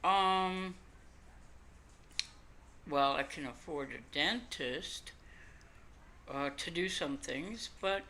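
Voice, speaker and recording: An older woman chats casually in a folksy, rambling way. Her speech is toothless, with the lips folding over the gums, and it comes slowly in a bright, forward tone. It is a home recording with some background noise. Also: deep voice. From Canada. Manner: rambling, folksy, self-deprecating. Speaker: podcast host. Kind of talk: casual chat to camera. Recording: noisy amateur home computer recording.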